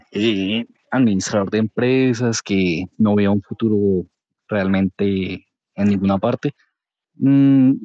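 A Colombian-accented man tells his story in a casual, colloquial way. His voice is very mellow and a bit low, on a slightly dull lo-fi recording. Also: no room sound. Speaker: podcast guest, career changer into programming. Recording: dull, lo-fi audio.

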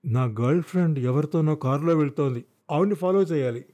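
A man's voice: on the high side, fairly quick, dark tone, natural voice. A man voicing a bitter, vengeful young man who speaks in a tense, restrained way, in an audiobook. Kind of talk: audiobook character voice.

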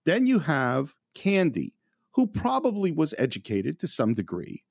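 Dry-sounding lively podcast host man. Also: a little high, measured pace, vocal fry, slightly rough, no room sound. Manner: analytical, self-deprecating. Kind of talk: casual podcast film discussion.

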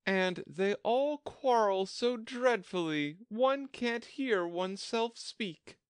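A man's voice: sits high, dry recording, studio quality, voice pushed up. A man voicing a curious, fretful young girl in a storybook reading, with a prim, complaining tone.

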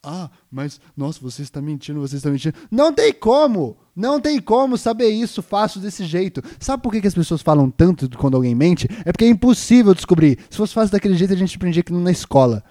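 A man's voice: high voice, lively intonation, fast talker, hardly any pauses, no echo, studio quality. Mock-outraged young male podcast host. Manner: exaggerated, mock-outraged, shifts between loud and mumbled. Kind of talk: comedic rant on a live stream.

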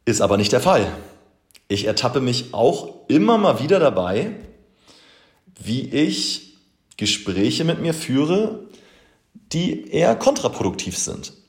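Low-voiced guy coaching his podcast listeners, earnest and emphatic, roomy echo. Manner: earnest, emphatic, addresses listener directly, mixes in English phrases. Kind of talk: motivational podcast talk.

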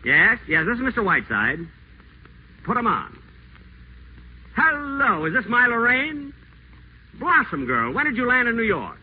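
In a 1940s radio play, a radio celebrity portrays a scheming, acerbic, pompous man in a wheelchair with an exaggerated, breathy-edged voice pitched a little high. He's very animated at a normal speed, pausing often, sardonic and theatrical. The sound is a tinny old radio broadcast with faint hiss.

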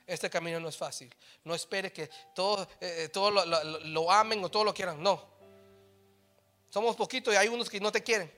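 A middle-aged man preaching a sermon, mixing in English phrases and swinging from soft asides to loud exhortation. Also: high voice, normal speed, soft background music. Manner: mixes English phrases into Spanish.

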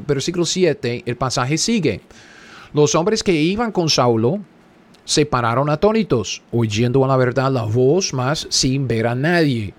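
A man leading a Bible study, reading passages aloud and repeating key words for emphasis, often checking in with his listeners. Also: mid-range voice. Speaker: Bible teacher.

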